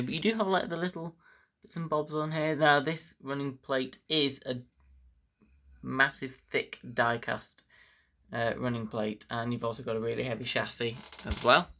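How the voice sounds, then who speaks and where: Gravelly enthusiastic man reviewing. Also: mid-range voice, pushed and bright. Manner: enthusiastic, rambling with fillers like "bits and bobs". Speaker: model railway reviewer. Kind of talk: casual unboxing review.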